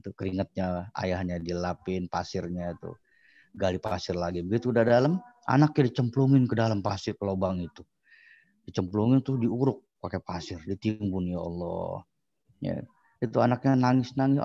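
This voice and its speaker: A male religious teacher giving a lecture, telling a story with lively acted-out dialogue. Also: fairly low pitch, vocal fry, no echo, dull audio. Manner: animated storyteller acting out dialogue. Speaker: Islamic studies teacher.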